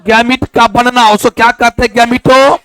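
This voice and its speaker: A man's voice: very high voice, little pitch movement, normal speed, a bit bright, clean tone, dry recording, faint music behind. A male teacher giving a classroom lecture, quizzing and scolding his students.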